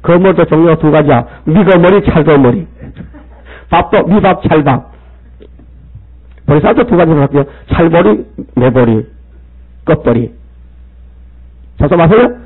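A man's voice: fairly high pitch, lively intonation, moderate pace, pauses often, breathy edge. A male pastor, preaching and scolding the congregation with rhetorical questions. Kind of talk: sermon. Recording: tinny phone-like sound.

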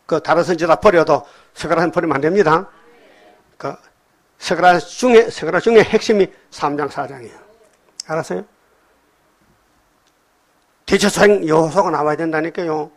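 A man's voice: moderate pace, long pauses. A man preaching a sermon, reading scripture and explaining it in blunt, colloquial asides, often prodding his listeners with short questions. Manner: swings between loud emphatic outbursts and low murmured remarks. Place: church hall with congregation.

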